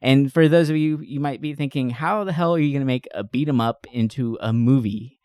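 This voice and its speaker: A podcast co-host chats about movies in a casual, slangy review style, sounding informal and enthusiastic. His medium-pitched voice is brisk, darkish, clear, and resonant, recorded in studio quality with no room sound.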